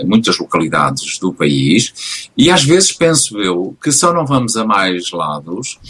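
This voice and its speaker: Husky, low-voiced radio host. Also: male voice, fairly bright tone. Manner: hesitant, many restarts and fillers. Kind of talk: casual radio interview.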